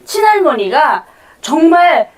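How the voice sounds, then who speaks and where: A woman's voice: high voice, sing-song, slow pace, far from the mic. A woman from North Korea hosting a casual chat, listening closely with short reactions and laughing along. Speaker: host. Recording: voice a bit off-mic.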